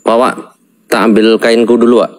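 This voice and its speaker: A man's voice: medium pitch, little pitch movement, normal speed, rough recording. A man hosting an unscripted horror vlog, talking urgently and crying out religious exclamations. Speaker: horror vlog host, spiritual guide.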